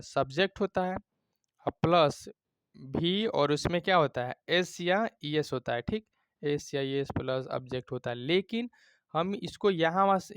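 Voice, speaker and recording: A man's voice: fairly high pitch, clear, resonant tone, no room sound. A man teaching a grammar lesson, checking in often with his students and explaining with everyday examples.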